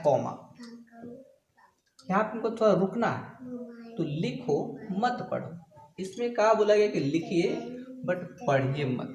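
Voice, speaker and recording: A man with a high voice gives a grammar lesson, talking slowly and going back over each point. His voice rings a little in an echoey room. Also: darkish tone. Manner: explains slowly, repeats definitions, addresses viewers as guys. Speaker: Hindi grammar teacher. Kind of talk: classroom-style video lesson.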